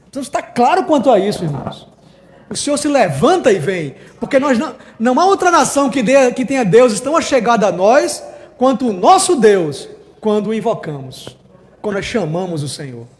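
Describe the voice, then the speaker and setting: A man's voice: very high-pitched, sing-song, brisk. A Brazilian man preaching an informal, conversational sermon who keeps calling the congregation his brothers. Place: church meeting hall. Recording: reverberant church hall.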